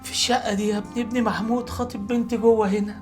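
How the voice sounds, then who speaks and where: A man's voice: sits high, flat delivery, very fast, darkish tone, close to an everyday voice. An actor playing a poor, humble Egyptian father who collects old clothes, speaking meekly and apologetically, with music playing behind. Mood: tearful. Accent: Egyptian Arabic. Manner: meek, pleading, apologetic. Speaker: father of Mahmoud.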